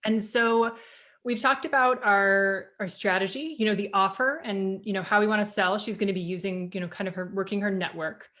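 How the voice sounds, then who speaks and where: A woman co-hosting a business podcast in a casual, animated way, full of fillers and restarts. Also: mid-range voice, moderate pace. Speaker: podcast co-host.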